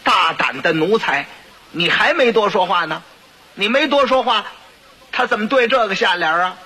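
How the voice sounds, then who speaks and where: A man's voice: high voice, lively intonation, moderate pace, pushed and bright, breathy edge, full character voice. A man voicing a pompous, touchy old chancellor who scolds his servant indignantly in a comic story. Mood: suspicious.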